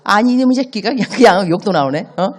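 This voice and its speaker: A woman's voice: mid-range voice, fast. A woman missionary preaching a sermon in a church, telling stories and acting out the dialogue. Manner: animated storytelling, acts out dialogue.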